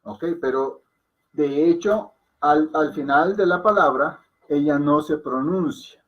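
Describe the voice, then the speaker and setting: Man, teacher, patient explanations, repeats words, fairly high voice, dull lo-fi sound. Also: slow. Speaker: Hindi teacher. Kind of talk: explaining to a class.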